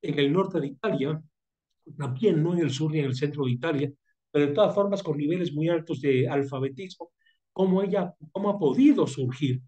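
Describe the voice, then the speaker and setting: An older man with a Mexican Spanish accent leads a university seminar, his voice sitting a little high for a man. He talks in a reflective, wandering way, restarting phrases as he builds his point. A cold keeps catching in his throat with coughs. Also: dark tone. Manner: thoughtful, digressive, pausing and restarting phrases. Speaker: seminar leader.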